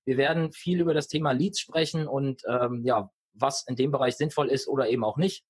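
Podcast host, man, husky and dry-sounding, relaxed questioning. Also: medium pitch, fairly quick, no echo. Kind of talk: casual interview hosting.

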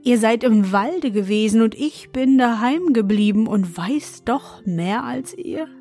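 A woman voicing a kind, cautious youngest brother in a storybook reading, calm and reassuring. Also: fairly high pitch, measured pace, faint music behind.

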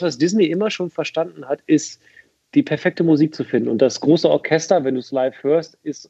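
Husky-voiced talkative man on a podcast. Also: a little high, no echo, lo-fi sound. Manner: lively, talkative, many restarts and fillers. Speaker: guest, event presenter. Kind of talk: casual podcast conversation.

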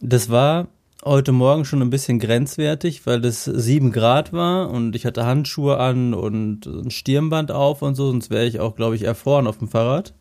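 A man's voice: medium pitch, moderate pace, creaky, a little mellow. A man from Germany co-hosting a casual podcast chat, talking in a chatty, thoughtful way. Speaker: podcast co-host.

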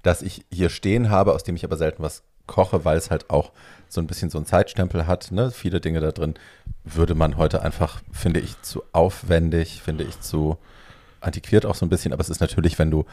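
A man co-hosting a podcast who talks eagerly and at length about food, often adding quick tag questions. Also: sits low, fairly even intonation, dark tone. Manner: enthusiastic, digressive, tag questions. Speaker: podcast co-host, food expert. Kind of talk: casual chat.

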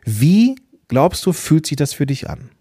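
A man hosting a solo podcast episode, giving tips in a casual, lively way, playing with emphasis and pauses. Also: fairly high pitch, slightly rough. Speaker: podcast host.

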